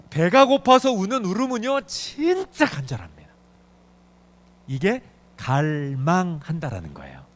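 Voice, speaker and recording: Lively, high-voiced preaching man. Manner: emphatic, swings pitch up and down for emphasis. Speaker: pastor. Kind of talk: sermon. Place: church sanctuary.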